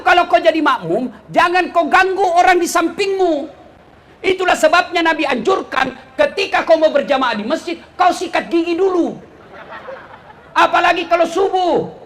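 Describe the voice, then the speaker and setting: A man delivering a humorous sermon with an Indonesian accent, telling stories and shouting punchlines to a live audience. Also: extremely high pitch, slight background noise. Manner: animated storytelling, shouting punchlines. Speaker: preacher.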